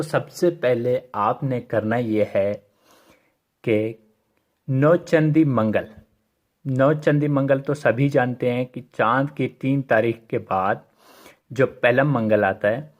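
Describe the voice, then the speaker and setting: Man giving slow spoken instructions. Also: mid-range voice. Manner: repetitive, addresses listeners as friends. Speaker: occult ritual instructor. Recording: echoey, muffled lo-fi room recording.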